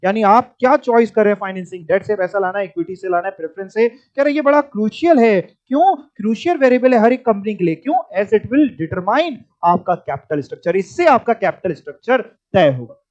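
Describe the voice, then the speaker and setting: A man's voice: high-pitched, animated, fairly quick, darkish tone. A male teacher giving a classroom lecture, explaining terms and quizzing his students with questions. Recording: dull lo-fi lecture recording.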